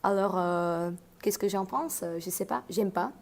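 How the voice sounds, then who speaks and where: Young student with a Czech accent, gravelly fry, hesitant radio guest. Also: female voice, mid-range voice, unhurried, darkish tone. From Czech Republic. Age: young adult. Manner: hesitant, many fillers. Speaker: language student. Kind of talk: radio interview answers.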